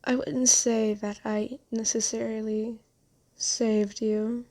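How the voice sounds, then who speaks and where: A woman playing a gentle, genteel vampire in an ASMR roleplay, soft-spoken, comforting and unhurried. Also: a little high, flat delivery. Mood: coolly apologetic. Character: gentle, soothing, genteel vampire who bought a captive. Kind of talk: ASMR roleplay, scripted character acting.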